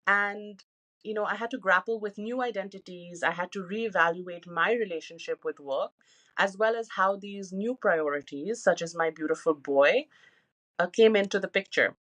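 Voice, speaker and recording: A woman's voice: mid-range voice, moderate pace, a bit bright. A woman in her thirties co-hosting a podcast, talking candidly and openly with many "you know" fillers. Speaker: podcast co-host. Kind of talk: casual personal podcast talk.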